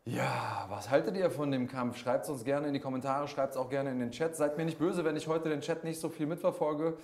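Wordy male sports interviewer, mid-pitched voice. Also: a little fast, darkish tone. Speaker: combat sports show host, interviewer. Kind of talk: conversational live-stream interview.

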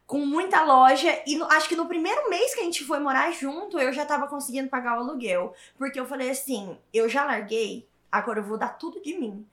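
A woman, telling her story as an interview guest in an animated, emphatic way and repeating words for stress. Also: high voice. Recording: roomy echo.

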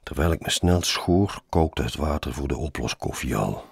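A man reads a first-person story aloud, wry and sardonic. His voice is extremely low and gravelly, with a strongly husky, breathy grain. The sound is dry and close. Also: expressive, moderate pace, no room sound.

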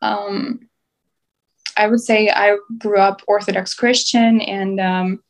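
Brief: young adult woman from Ukraine, interview guest, reflective and halting, mid-pitched. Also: steady tone. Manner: thoughtful, halting with fillers. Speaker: podcast guest. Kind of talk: conversational interview.

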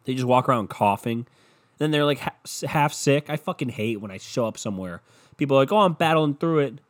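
Speaking a little fast at a medium pitch, this podcast host is a young man with a sore throat and a blocked nose. Alone on the mic, he drifts through a casual rant full of swearing and jokes.

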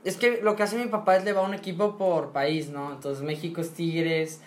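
A man's voice: fairly high pitch, fairly even intonation, moderate pace. A young man in his late teens with a Monterrey accent, telling stories in a slangy, joking way as a podcast co-host. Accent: northern Mexican (Monterrey). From Monterrey, Mexico. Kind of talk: casual chat. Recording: echoey room, faint background noise.

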